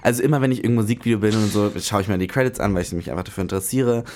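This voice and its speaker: A man's voice: on the low side, rapid-fire, darkish tone. A teenage male host of a youth radio show, enthusiastic and laughing often, interviewing a guest. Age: 10s. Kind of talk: casual interview chat.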